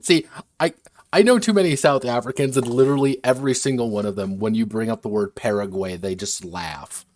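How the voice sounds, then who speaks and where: A man's voice: medium pitch, a little fast, a little mellow. A man who designs games, chatting casually on a livestream at his desk, wandering between asides and restarting his sentences. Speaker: game designer streaming a workshop.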